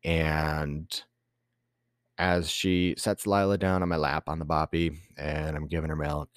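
A young adult man hosting a podcast, telling a candid personal story in a halting way with many ums and restarts, tearful at times. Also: extremely low pitch, little pitch movement, no echo, clean studio sound. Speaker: podcast host. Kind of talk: personal reflective monologue.

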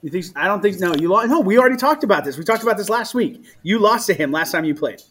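A man's voice: high voice, expressive, fast talker, fairly bright tone, husky. A man co-hosting a casual fantasy football chat, laughing often and tripping over player names. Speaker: fantasy football podcast co-host.

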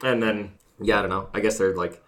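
A man's voice: lowish voice, fairly quick. Rambling young Canadian man co-hosting. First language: Polish. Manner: relaxed, rambling with fillers. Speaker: podcast co-host. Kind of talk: casual chat.

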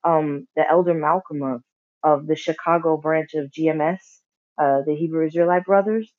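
A man's voice: fairly high pitch, steady tone, moderate pace, dry recording. A man leaving a voicemail for a podcast host in a friendly, rambling way, full of ums and restarts. The line sounds muffled and dry, with no room around it. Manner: friendly, rambling, filler-heavy. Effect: voicemail message. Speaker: podcast listener leaving a message. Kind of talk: casual spoken message.

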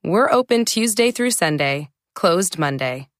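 A woman playing an upbeat store advertisement announcer, promotional and clearly enunciated in a scripted read. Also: lowish voice, expressive, unhurried, no room sound, studio quality.

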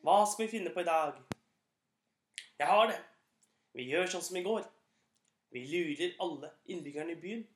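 A woman voicing a mischievous young shepherd boy who yells shrill cries for help in a storybook reading. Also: long pauses, natural voice. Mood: scheming. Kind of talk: storybook character voice. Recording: echoey room.

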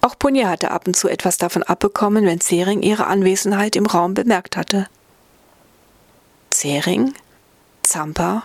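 Lady reading a fairy-tale audiobook, gentle storyteller voice, nudges pitch up a bit for the characters, dry close recording. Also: moderate pace, creaky, pauses often, no echo. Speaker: narrator.

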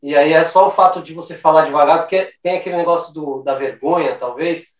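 A man's voice: a little high, a little fast. A man guest in a casual conversation, explaining his points thoughtfully. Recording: roomy sound from a distant mic.

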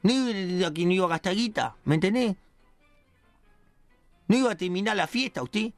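A man's voice: high voice, expressive, moderate pace, creaky, no echo. A rowdy, slang-heavy hothead, played by a man with a Rioplatense accent rants in a raised, indignant voice. The sound is dry and close, with faint music underneath. It is radio comedy character work. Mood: ranting. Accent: Rioplatense Spanish. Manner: rambling, indignant, slangy rant.

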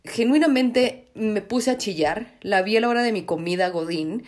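A young woman with a Mexican accent ranting casually as a podcast host, swearing freely and swinging between indignant outbursts and low muttered asides. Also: animated, moderate pace, darkish tone. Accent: Mexican Spanish.

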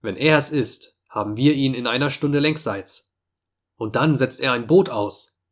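A man reading a story voices a frightened, superstitious sailor with a slow, ominous way of talking. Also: medium pitch, lightly acted. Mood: fearful. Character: fearful superstitious old sailor.

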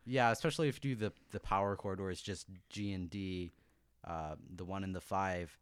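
A man's voice: sits low, fairly even intonation, moderate pace, clear, resonant tone, dry recording, studio quality. A man co-hosting a casual podcast chat, musing and often restarting as he explains chords. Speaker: podcast co-host.

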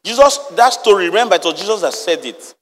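A man's voice: high-pitched, expressive, quick pace, big-room sound. A man preaching a sermon, reading verses and firing rhetorical questions at the congregation. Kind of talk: lively sermon with Bible reading.

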